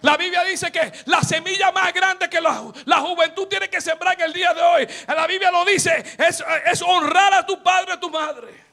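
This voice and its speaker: A young man preaching a fervent sermon, shouting praise with repeated hallelujahs, then dropping to a hushed storytelling voice. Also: extremely high pitch, fairly even intonation, moderate pace, creaky. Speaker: pastor.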